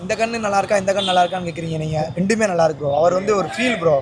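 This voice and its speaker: A man in a street interview outdoors, talking excitedly and calling the interviewer bro. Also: high voice, a crowd in the background. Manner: rapid, excited, says bro a lot. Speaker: fan interviewed outside theatre.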